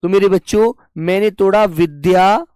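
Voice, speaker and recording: A young man teaching a live online Hindi class, patient and deliberate, repeating each point and calling students his dear children. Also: high voice, darkish tone, smooth, dry recording, studio quality. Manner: slow and deliberate, breaks words into parts.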